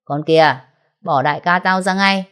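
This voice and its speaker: A growling, threatening tattooed thug played by a woman reader, blunt and cold in speech. The tone stays dark and mellow. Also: fairly low pitch, animated, normal speed, natural voice. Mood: menacing. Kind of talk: audiobook character voice.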